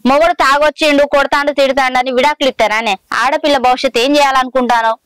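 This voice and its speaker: A woman's voice: high voice, steady tone, fast talker, fairly bright tone, no room sound, rough recording. A woman playing an elder-sister neighbor who lectures a troubled wife insistently, with a Telangana Telugu accent. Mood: lecturing. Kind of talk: village short film drama.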